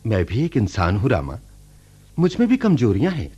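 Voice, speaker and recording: An actor in a radio play voicing an earnest, caring reformed village laborer. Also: male voice, mid-range voice, wildly swooping pitch, moderate pace, mellow, breathy edge, lo-fi sound, exaggerated voice. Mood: tender. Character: kind reformed village laborer Sappu, man. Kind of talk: radio drama acting.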